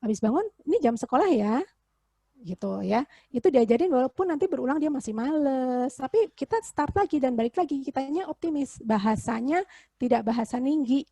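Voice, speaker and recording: A woman's voice: high-pitched, animated, a little fast, mellow, dry recording. A woman, a psychologist giving a casual webinar talk to parents, explaining with everyday examples and rhetorical questions over a video call. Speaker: child psychologist presenter.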